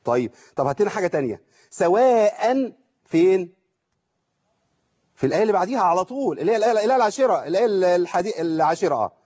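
A man with an Egyptian accent gives a rapid tajweed lesson in a fairly high, mellow voice. He keeps putting questions to his students and answering them himself, and the recording sounds dull and lo-fi. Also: big pitch swings. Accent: Egyptian Arabic. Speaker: Quran recitation teacher. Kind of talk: tajweed lesson with recited examples.

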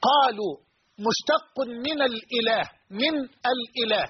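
Preacher guy, really high voice, hammers his points by repeating them, faint hiss behind. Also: lively intonation, normal speed. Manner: emphatic, repeats key phrases for the audience. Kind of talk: religious lecture. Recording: dull lo-fi recording with faint noise.

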